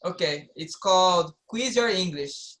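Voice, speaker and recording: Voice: medium pitch, lively intonation, unhurried, fairly bright tone. A speaker of non-native English chatting casually on a group live stream, explaining and often repeating the start of a phrase. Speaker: participant in an online English-practice meeting. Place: online group call.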